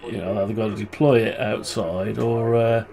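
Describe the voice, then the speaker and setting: A flu-stricken hobbyist, tired and blocked up so his voice comes out muffled, rambles and mutters through a casual tutorial as he thinks aloud. His voice is fairly low, creaky, and warm, with a steady tone at a moderate pace.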